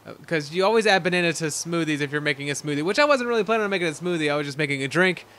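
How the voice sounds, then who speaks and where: A man's voice: a little high, rapid-fire, pushed and bright, slight background noise. A young man hosting a casual game let's-play, chatting in a rambling way full of fillers. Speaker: gaming channel host.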